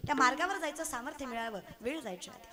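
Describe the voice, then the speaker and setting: In a fast, high voice, this preacher gives a kirtan sermon of devotion, lively and story-driven, alternating between forceful urging and quiet pleading.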